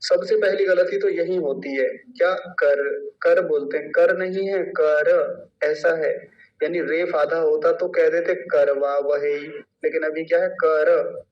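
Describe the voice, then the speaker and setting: Male teacher in an online lesson, slightly high voice, spells out syllables slowly; distant, muffled mic. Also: fairly even intonation. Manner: slow, drawn-out syllable-by-syllable demonstration. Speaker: Sanskrit pronunciation teacher.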